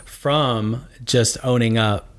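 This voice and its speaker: A man's voice: mid-range voice, steady tone, takes it slowly. A man co-hosting a podcast in casual chat, agreeing with his partner and building on her points. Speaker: podcast co-host.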